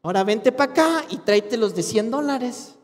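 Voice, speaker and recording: A man's voice: extremely high pitch, expressive, moderate pace. A man voicing a greedy male sorcerer for hire, haggling slickly in Mexican Spanish slang. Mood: wheedling. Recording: long hall reverb.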